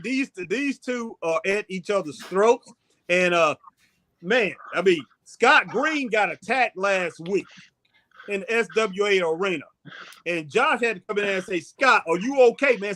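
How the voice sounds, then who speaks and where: Male wrestling talk host, notably high voice, folksy and casual. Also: expressive, measured pace, sharp tone. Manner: folksy, says "man" often. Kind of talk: casual sports chat.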